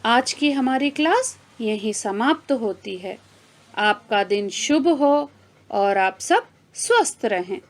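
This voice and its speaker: A woman teaching young pupils, speaking at a very slow, deliberate pace in a slightly high voice. She stretches out each example word and repeats it, slipping in English terms to explain. She asks the class questions and answers them herself. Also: lively intonation. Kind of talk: online Hindi grammar lesson for children.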